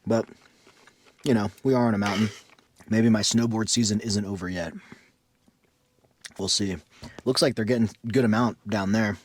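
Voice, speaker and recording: Pausing often as he talks, a camping vlogger addresses his viewers casually while cooking breakfast outdoors in the mountains, later moving into his tent. His voice is lowish, his speed normal, and his intonation fairly even.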